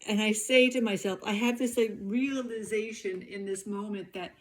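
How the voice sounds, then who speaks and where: A woman's voice: mid-range voice, fairly even intonation, normal speed, slight background noise. A middle-aged woman hosting a podcast, talking candidly in a rambling personal monologue full of fillers. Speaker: podcast host.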